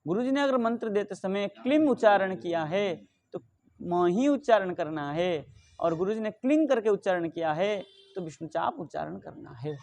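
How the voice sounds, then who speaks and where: A middle-aged man teaching Sanskrit grammar, asking questions and answering them himself, reciting the rules slowly. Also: high voice, animated, a little mellow. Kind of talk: explaining grammar rules in a lesson.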